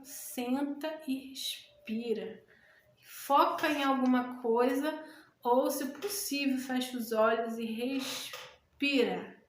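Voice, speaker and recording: Soft-spoken woman guiding calm breathing. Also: on the high side, a little hiss or hum. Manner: gentle, repeats calming phrases, slows down for affirmations. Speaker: anxiety coach. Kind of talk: guided breathing talk. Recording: echoey room with faint ambience.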